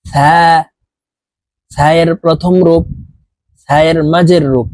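A man with a Bangladeshi Bengali accent teaching Arabic letters slowly, one by one, with the letter names drawn out and chanted. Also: on the high side, steady tone, a little mellow, dry recording. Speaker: Quran teacher. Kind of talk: slow letter-by-letter lesson.

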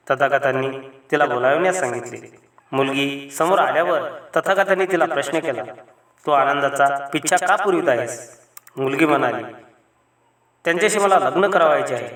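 A man reads a Buddhist scripture story aloud in a steady storytelling voice at a middle pitch. He sits back from the microphone, and the room rings with strong echo. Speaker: reader. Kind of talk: reading a Buddhist text aloud. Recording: echoey room, voice from a distance.

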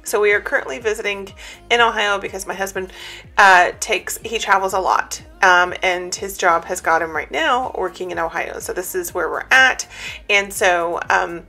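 A woman's voice: medium pitch, moderate pace, bright, forceful tone, faint music behind. A woman chatting casually in a home voice-over for her cleaning vlog, with lots of ums and a TV faintly audible from the next room. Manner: chatty, many fillers. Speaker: cleaning vlogger.

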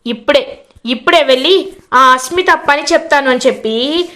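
A woman's voice: high-pitched, normal speed, a bit bright. A woman voicing a young man brooding over a broken wedding, in a retold serial story.

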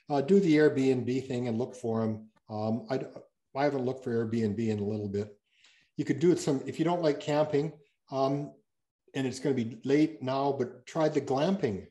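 A man's voice: mid-range voice, fairly even intonation, a little slow, dark tone. A man speaking as a guest geologist, answering audience questions on a video call in a rambling, self-correcting way with many fillers.

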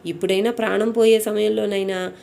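A woman's voice: mid-range voice, fairly even intonation, a little fast, gravelly, a little mellow, close to an everyday voice. A woman voicing a devoted young male disciple who stubbornly refuses, insistent and defiant. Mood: fearful.

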